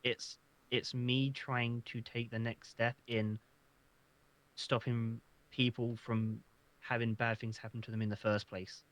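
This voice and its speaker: Man, earnest applicant, stammers, restarts, mid pitch. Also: little pitch movement, a little slow, fairly bright tone. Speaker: job applicant. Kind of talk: casual roleplay interview.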